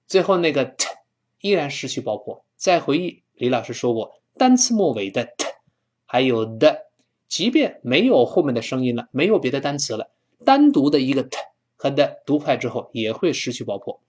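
Male English tutor, Mandarin accent, animated pitch, slow repeated pronunciation drills. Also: breathy edge. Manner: drills pronunciation, repeats words slowly for students. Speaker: English teacher. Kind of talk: language lesson.

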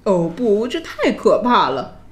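A woman storyteller voicing a proud, quick-tempered young prince in a storybook tale, in an exclaiming, huffy manner. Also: medium pitch, sing-song. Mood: dismayed.

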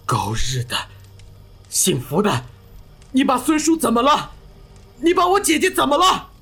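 Audio drama: a man puts on an enraged young man yelling, very high, bright, husky. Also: huge pitch swings, a little slow, full character voice. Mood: furious. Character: furious young man shouting at a villain.

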